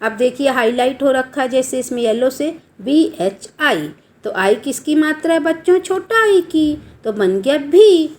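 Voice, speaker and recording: Slow, lively-voiced woman teacher. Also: sits high. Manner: slow, spells out letters, quizzes the students. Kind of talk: classroom grammar lesson for children.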